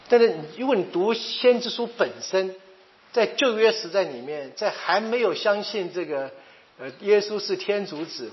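Male Bible teacher, higher voice with lively pitch, questioning style, dull lo-fi sound. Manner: explanatory, asks the audience questions. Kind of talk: Bible study lecture.

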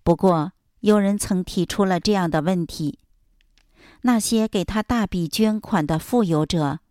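Low-voiced woman reading solemnly. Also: measured pace, darkish tone, no room sound, clean studio sound. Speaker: narrator of a religious biography. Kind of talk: scripted reading narration.

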